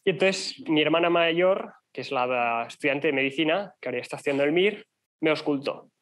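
A man's voice: on the high side, a bit bright. A young man from Spain telling a personal story to a conference audience, chatty and full of fillers. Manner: fast, chatty, many fillers. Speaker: conference speaker.

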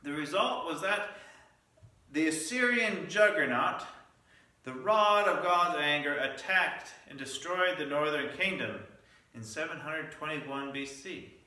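A man preaching a Lenten sermon in a very bright, ringing voice, pitched a little above average. He sounds set back from the mic, with heavy echo filling the sanctuary. He tells his stories with asides and quick restarts. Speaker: pastor. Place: church sanctuary. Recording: echoey church sanctuary, mic at a distance.

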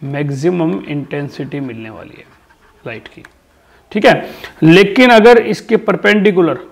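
Man, gravelly voice, slightly high pitch, physics teacher, repeats key terms. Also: measured pace. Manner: explains step by step, repeats key terms, asks and answers his own questions. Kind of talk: classroom lecture.

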